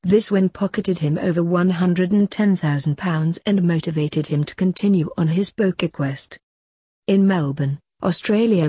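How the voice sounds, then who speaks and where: A woman's voice: on the low side, mellow, slightly rough, dry recording. A woman reading a scripted article in a formal, word-for-word narration.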